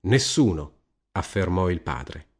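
A man with a lowish voice tells a fable like a storybook reading. His pitch moves a lot as he speaks, and he paces it evenly and clearly. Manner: measured, lively storytelling. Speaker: narrator.

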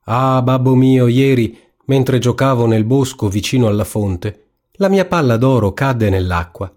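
A man's voice: mid-range voice, measured pace, a little mellow, pitched above the performer's own voice, lightly acted. A man voicing a spoiled young princess in a storybook reading, whiny and raised. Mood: pleading.

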